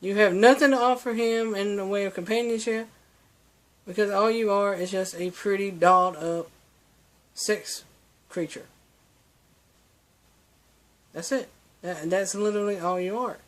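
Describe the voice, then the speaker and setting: A man's voice: high voice, fairly even intonation, unhurried, long pauses, fairly bright tone. A young man delivering a preachy, ranting opinion monologue, full of restarts and fillers. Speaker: vlogger.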